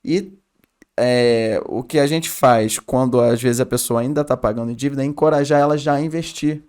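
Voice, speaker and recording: A man's voice: medium pitch, moderate pace, a little mellow. A man co-hosting a podcast, explaining things step by step in colloquial, casual talk. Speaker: podcast co-host.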